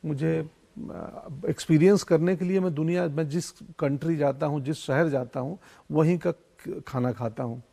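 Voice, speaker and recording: Gravelly, reflective middle-aged man. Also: on the high side, steady tone, moderate pace, hardly any pauses, warm tone. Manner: musing, philosophical, storytelling. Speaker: actor, interview guest. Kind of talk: reflective interview conversation in Hindi mixed with English.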